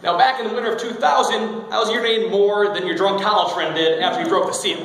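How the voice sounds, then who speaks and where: A man's voice: high voice, steady tone, fast, fairly bright tone. A man in his twenties telling a humorous personal speech, joking and self-deprecating. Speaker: speaker giving a speech. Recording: very echoey hall, faint noise.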